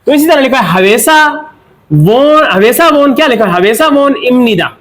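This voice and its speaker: A man with a Pakistani Urdu accent teaching a Korean pronunciation lesson. He asks questions, answers them himself, and slows down to spell out the example words. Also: extremely high pitch, lively intonation, fairly bright tone. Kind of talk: classroom lesson explanation.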